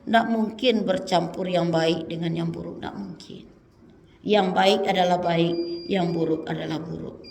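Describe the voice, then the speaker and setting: A woman preacher, giving an animated sermon in a mosque, swinging between loud emphatic lines and low quiet asides. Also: measured pace, creaky, a little hiss or hum. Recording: long hall reverb.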